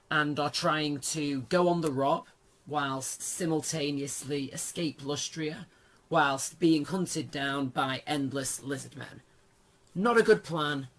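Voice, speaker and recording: A man with a hoarse, worn-out voice and a smoker's rasp, giving chatty, informal commentary on fantasy lore as a video host. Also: on the high side. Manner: chatty, informal, playful asides.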